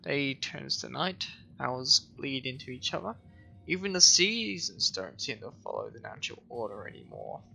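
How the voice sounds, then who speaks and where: A man reading a weary, haunted detective's thoughts aloud in a quiet, brooding tone. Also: medium pitch, wildly swooping pitch, moderate pace, gravelly, faint music behind, heavily acted. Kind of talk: reading game dialogue aloud.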